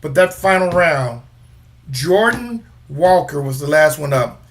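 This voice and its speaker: Male co-host, high and bright, playful trash-talker for a casual sports show. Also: a little slow. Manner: animated, teasing, trash-talking rival teams. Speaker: podcast co-host.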